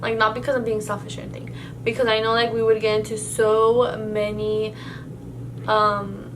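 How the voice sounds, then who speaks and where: Speaking at normal speed in a high-leaning, level voice, this vlogger has a noisy background behind her. She is a young woman whose first language is Spanish, rambling through a casual Q&A tag video with lots of fillers and restarts.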